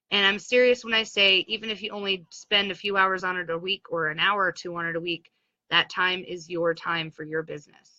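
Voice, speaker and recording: A woman's voice: mid-range voice, pushed and bright, no echo, muffled recording. A woman doing a blunt, chatty motivational talk on a live stream, speaking to sales consultants. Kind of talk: Facebook Live pep talk. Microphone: phone.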